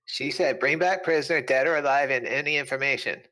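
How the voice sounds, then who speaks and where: A man's voice: medium pitch, a little fast, bright, forceful tone, natural voice. A man voicing a simple-minded, blunt goblin in tabletop role-play, speaking in broken, simple phrases. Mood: questioning.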